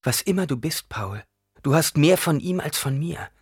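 A man's voice: fairly high pitch, lively intonation, normal speed, breathy edge, no room sound, clean studio sound, voice pushed up. A man voicing a worried mother, anxious and pleading as she tries to soothe her son.

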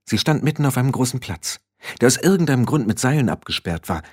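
A man's voice: medium pitch, big pitch swings, fast, a little mellow, breathy edge. A man narrating a fantasy story as an audiobook reader.

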